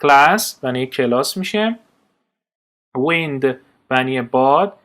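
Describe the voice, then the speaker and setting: A man with a Persian accent teaches English vocabulary in a steady drill. He reads each English word and then gives its meaning, in a voice of middle pitch.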